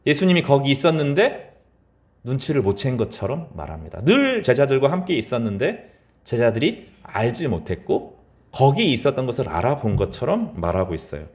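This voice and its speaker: Animated male pastor preaching. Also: a little fast. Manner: animated preaching, voice rising high in acted quotes and dropping low at phrase ends. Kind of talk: sermon.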